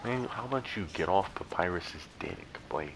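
Deep-voiced young male gamer, rambling. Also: animated, moderate pace, slight background noise, low-quality recording. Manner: rambling, joking, yelps and laughs at the game. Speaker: gameplay YouTuber. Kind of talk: casual gameplay commentary.

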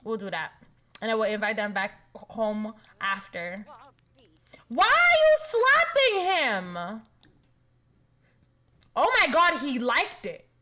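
A young woman streaming a life-sim game live, chatting with viewers and shrieking with excitement in drawn-out repeats. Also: on the high side, a little hiss or hum. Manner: chats with viewers, says thanks for follows. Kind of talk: casual live-stream commentary.

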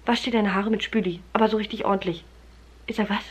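A family vlogger in her thirties, stuffed up from a cold, chats casually to a camera held close at arm's length in her living room. Her mid-range voice is husky, steady and fast, full of fillers and friendly asides to viewers, and the recording sounds muffled.

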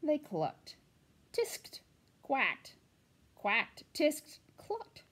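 A woman reading a children's picture book aloud in an expressive, animated way. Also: high voice, extremely slow. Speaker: storytime reader.

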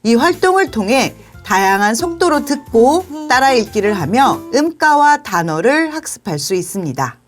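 A young adult woman teacher presents an app in a polite, clearly explained script. Her voice sits a touch high and swings up and down a lot. Soft music plays quietly behind her. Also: sing-song, normal speed, few pauses. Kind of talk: scripted product walkthrough.

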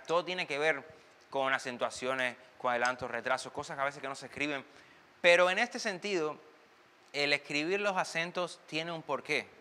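A man's voice: mid-range voice, pushed and bright, in a large hall. A man giving a casual online timbal lesson, chatty and loose, sometimes singing drum patterns aloud while swaying as he talks. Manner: moves and sways while talking. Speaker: timbal teacher.

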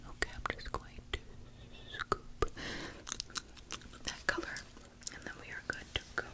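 A woman in her twenties doing a soothing whispered role-play as a face painter, close to the mic, with breathy whispering, tingly mouth sounds and softly repeated words. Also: a little slow. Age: 20s. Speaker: ASMR artist playing a face painter. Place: indoor room at home. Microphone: close to the mic, face near camera.

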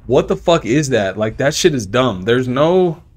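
A man giving casual live commentary on his game, swearing, thinking out loud and yelling in frustration at enemies while he chats with viewers. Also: mid-range voice, sing-song, measured pace. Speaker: video game streamer.

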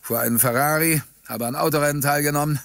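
A man's voice: on the high side, fairly even intonation, fast, gravelly, fairly bright tone, no room sound. A man reading a story, voicing a self-important middle-aged braggart who rambles on chattily. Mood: boastful.

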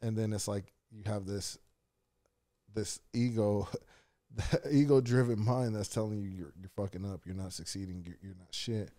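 A man's voice: fairly low pitch, normal speed, dark tone. A man hosting a podcast in casual chat, motivational and swearing casually. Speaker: podcast host.

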